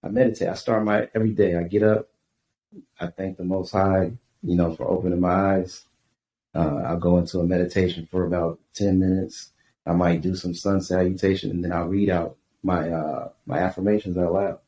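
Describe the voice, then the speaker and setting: A man from Tucson, Arizona, a guest author, talking in a relaxed, reflective way on a podcast. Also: low-pitched, fairly quick. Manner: reflective, easygoing, uses "you know" a lot. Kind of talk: casual podcast interview. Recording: echoey room with faint background noise.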